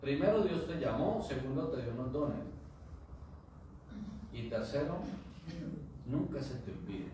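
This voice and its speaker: A man's voice: medium pitch, expressive, a little slow, pauses often, warm tone, slight background noise. Man preaching in an echoey hall. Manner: preaching to a congregation, asking them questions and drawing replies. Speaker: pastor. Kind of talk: sermon. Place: church hall. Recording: echoey church hall from far off.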